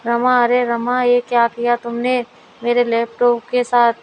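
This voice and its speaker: A woman's voice: on the high side, completely flat delivery, measured pace, dull audio, slight background noise, lightly acted. A woman voicing a frustrated young husband in a family storybook, scolding his wife. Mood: exasperated. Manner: exasperated, scolding. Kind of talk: storybook dialogue reading.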